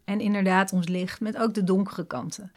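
A woman's voice: mid-range voice, steady tone, normal speed, darkish tone. A woman coach and trainer in a conversational interview, speaking earnestly and reflectively with frequent hesitations.

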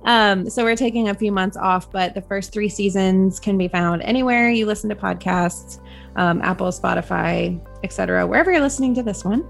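A young adult woman appears as a podcast guest in a casual interview chat, sounding out of breath. Her medium-pitched voice is brisk with vocal fry, and she uses lots of fillers while searching for words over soft background music.

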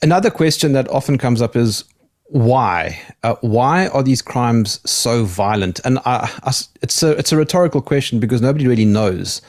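A male podcast host interviews in a conversational way. His voice sits at a medium pitch, and he restarts phrases as he builds his questions. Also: lively intonation, moderate pace.

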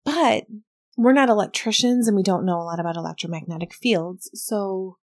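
A woman's voice: mid-range voice, normal speed, no echo, studio quality. A woman hosting a casual talk about a paranormal investigation, thoughtful and explanatory, often hedging. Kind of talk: casual podcast chat reviewing audio.

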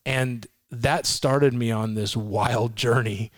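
A man's voice: medium pitch, steady tone, takes it slowly, no room sound, studio quality. A man in his forties, a ministry leader, tells his personal testimony in an earnest, rambling way, recorded at a home. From Massachusetts, raised in Florida. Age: 40s. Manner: earnest storytelling with restarts and self-quotes.

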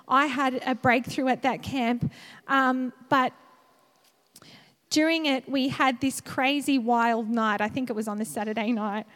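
A woman in her thirties preaching a sermon, telling a personal story with animated, laughing energy. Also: sits high, a little slow. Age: 30s. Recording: long hall reverb.

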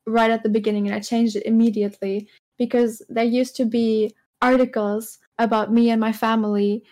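A woman's voice: fairly high pitch, flat delivery, normal speed, darkish tone. A woman streamer chatting casually and hesitantly, with many ums. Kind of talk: casual chat.

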